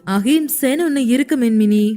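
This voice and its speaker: A woman's voice: high-pitched, normal speed, warm tone, lightly acted. A woman voicing a young husband in an audio story, who teases and pleads with his wife and turns stern when pushed. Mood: teasing.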